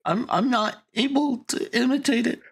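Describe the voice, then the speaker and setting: A man's voice: extremely high pitch, moderate pace, creaky, slightly rough, exaggerated voice. A man voicing a captured, frightened thug who stammers and hesitates nervously.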